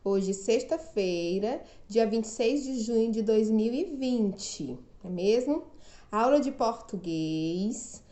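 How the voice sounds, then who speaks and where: A woman's voice: a little high, warm tone, roomy sound. A woman from Brazil teaching a remote lesson to children, stretching out syllables and often asking "não é mesmo?". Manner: slow, drawn-out syllables, frequent "não é mesmo?".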